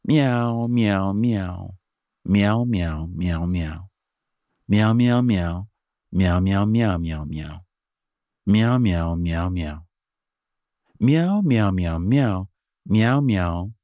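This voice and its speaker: A man's voice: low voice, drawn-out words, long pauses, dry recording, clean studio sound. A man repeating cat-like meows in sing-song phrases that rise and fall and fade at the end of each run. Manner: sing-song rising and falling phrases that trail off softly at the end. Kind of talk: repetitive meowing chant.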